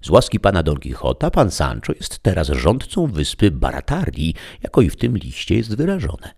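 A polite, eager young page from an old storybook, as a deep-voiced male narrator plays him. He speaks in formal, deferential courtly phrases, a touch higher than the reader's own very low voice. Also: wildly swooping pitch, normal speed, vocal fry, darkish tone, slightly rough, full character voice. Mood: courteous.

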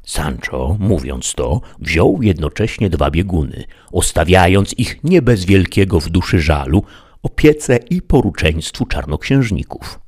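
Low-voiced man narrating a classic tale. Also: sing-song, measured pace, a little mellow, breathy edge. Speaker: audiobook narrator. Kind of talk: scripted narration of classic prose.

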